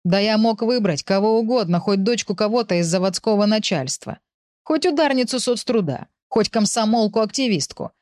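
A woman's voice: mid-range voice, lively intonation, normal speed, a little mellow, voice pushed up, close to an everyday voice. A woman voicing a cruel, mocking husband who sneers and taunts his wife in an audiobook. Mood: taunting.

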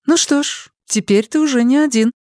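Audiobook: hopeful, talkative young woman, high and lively, done by a male narrator, dry close sound. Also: moderate pace, no room sound. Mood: excited. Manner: raised, excited delivery.

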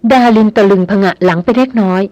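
Steady, dry-sounding audiobook narrator. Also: medium pitch, quick pace, no room sound, dull audio. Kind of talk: novel narration.

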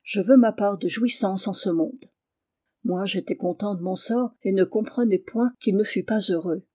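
A reader voicing a timid, gentle young man who speaks earnestly and gravely, in an audiobook reading. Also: mid-range voice, moderate pace, dry recording, clean studio sound, natural voice. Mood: confessional.

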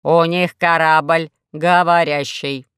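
A woman voicing a gloomy, grumbling robot shaped like an old safe, speaking slowly and loudly. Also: low-pitched, steady tone, smooth, no room sound, studio quality. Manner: grumbling, slow and loud.

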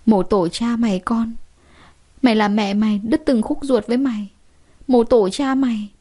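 A woman's voice: a little high, fairly even intonation, moderate pace, warm tone, close to an everyday voice. A woman voicing a sobbing, scolding old mother. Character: tearful older mother, scolding out of love.

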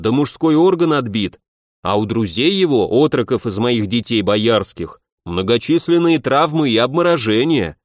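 A plump, indignant nobleman, played by a male narrator, presses his complaint with insistent righteousness. His pitch moves a lot as he argues. The sound is close and dry. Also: dry recording, close to an everyday voice. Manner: aggrieved, insistent.

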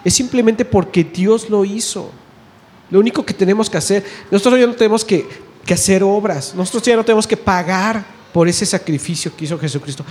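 A man giving an informal sermon, chatting with the audience, asking questions and answering them himself, and reading scripture slowly and emphatically. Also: high voice, darkish tone. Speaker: lay preacher. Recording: faint noise, long reverb in a hall.

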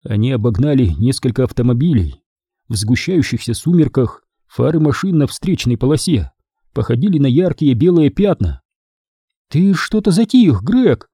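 Husky, expressive male audiobook narrator. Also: medium pitch, moderate pace, no echo, studio quality. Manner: expressive storytelling.

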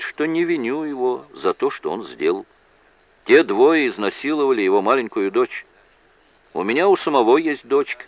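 A man voicing a rough male witness who shouts his answers fiercely in a courtroom scene of an audiobook. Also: mid-range voice, lo-fi sound, voice pushed up, close to an everyday voice. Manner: emphatic, shouting defiantly.

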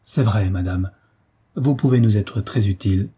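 A man's voice: on the low side, moderate pace, warm tone, husky. A man voicing a respectful, earnest young page in an audiobook story.

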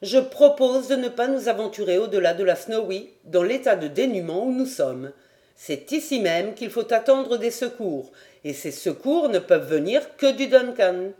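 An audiobook reader voicing a male quartermaster guide who speaks in a firm, calm and assured way. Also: mid-range voice, lightly acted. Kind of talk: audiobook character voice.

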